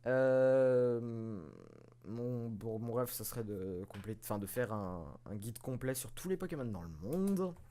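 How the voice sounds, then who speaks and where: A man voicing an elderly male professor in a game, reading the lines haltingly with many fillers. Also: mid-range voice, lively intonation, background noise, lightly acted. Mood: earnest.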